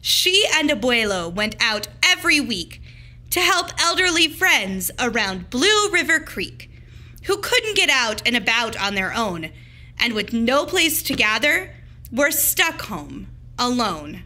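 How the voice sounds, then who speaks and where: A female teacher reads a picture book aloud to kids, using an expressive, deliberate and emphatic storytelling style. Her voice is on the high side.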